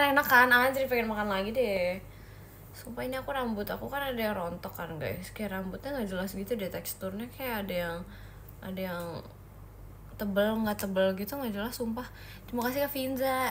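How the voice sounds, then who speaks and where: A woman's voice: fairly high pitch, fairly quick, a bit bright, slight background noise. A young woman from Indonesia chatting casually on a phone livestream, answering viewer comments in a playful, giggly way.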